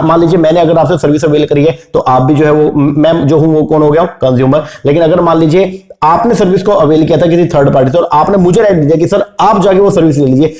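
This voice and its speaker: A man teaches an exam revision lesson in a fairly high but mellow voice. He keeps asking rhetorical questions and answering them himself, letting his pitch fall on each key term. The room around him is echoey.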